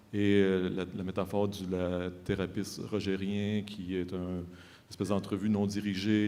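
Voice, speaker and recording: A man asks a long question from the floor, hesitating and searching for words. His voice is low, dark and flat in its melody. The hall adds a long reverb. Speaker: audience member asking a question.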